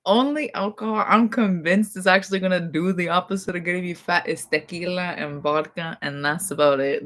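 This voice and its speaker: A young woman with vocal fry, chatting casually and bluntly to camera from her bedroom, keeping her voice quiet and swearing freely. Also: low voice. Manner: blunt, profane, rambling; trying to talk quietly. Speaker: vlogger.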